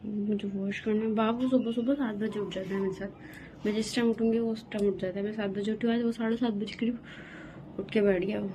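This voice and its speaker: A woman's voice: medium pitch, fairly even intonation, brisk, warm tone, slight background noise. A young woman vlogging at home about her day, chatty and talking to her toddler in a sing-song voice. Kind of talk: casual home vlog. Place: home rooms, indoors.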